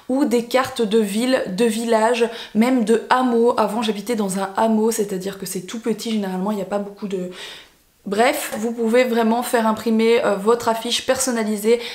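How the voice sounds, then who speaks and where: A woman's voice: fairly high pitch, a little mellow. A young woman from Belgium chatting casually to camera in a vlog, with lots of fillers and restarts. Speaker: vlogger. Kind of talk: casual sponsored vlog chat. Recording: echoey room.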